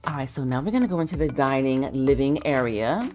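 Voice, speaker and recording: A woman vlogger giving a chatty home tour. She gushes with excitement, repeats herself for emphasis and tosses slangy asides to her viewers. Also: a bass voice, brisk, loud music behind the voice. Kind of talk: casual chatty tour narration.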